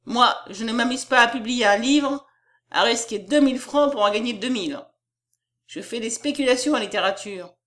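A woman's voice: a little high, moderate pace, fairly bright tone, voice pushed up, natural voice. A woman voicing a domineering, boastful middle-aged male publisher in an audiobook reading. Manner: boastful, condescending.

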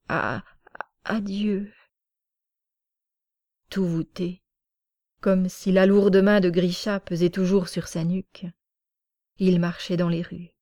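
A woman narrating an audiobook in a slow, even storytelling manner. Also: on the low side, dry recording, studio quality.

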